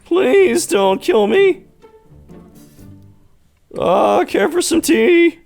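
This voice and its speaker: A flustered, rambling young homeowner pleads in a high, loud, comically strained voice, as a man puts him on. The pitch swoops widely and has a gravelly edge. Soft music plays underneath. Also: very animated, extremely slow, heavily acted. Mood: pleading, nervous.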